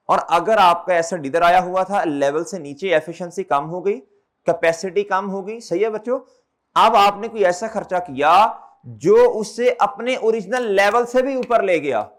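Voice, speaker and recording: Brief: male lecturer with a high voice, drilling students with repeated questions. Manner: calls students brother and children. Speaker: accountancy teacher. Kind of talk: classroom lecture.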